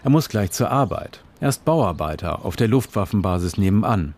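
A male reporter narrates a scripted radio report with a fairly low voice. His delivery is measured and descriptive, laying out scenes and background in an even flow.

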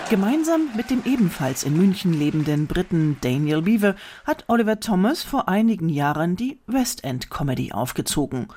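A narrator reading a scripted news voice-over in a smooth, informative way. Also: mid-range voice, sing-song, moderate pace, hardly any pauses, a little mellow, a little hiss or hum.

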